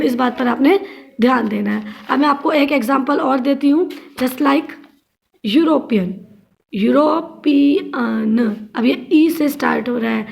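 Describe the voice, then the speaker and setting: A woman's voice: high-pitched, creaky. A female school teacher giving a grammar lesson to young students, asking questions and answering them herself, spelling out words letter by letter. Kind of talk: classroom grammar lesson in Hindi and English.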